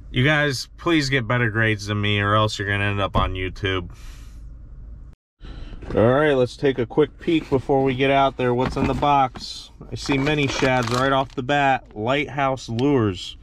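Young man, casual vlog chat, joking, inside truck, dashboard camera, medium pitch, faint noise. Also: a bit bright. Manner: chatty and joking. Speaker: fishing vlogger.

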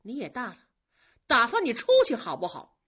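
A sulky, spoiled young nobleman scolding with heavy sighs, as a woman storyteller acts him out. The voice jumps up and down with feeling and carries a husky edge. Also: on the high side, big pitch swings, normal speed, a bit bright, pitched above the performer's own voice, exaggerated voice. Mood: irritated. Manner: sighing, exasperated scolding. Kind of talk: traditional storytelling.

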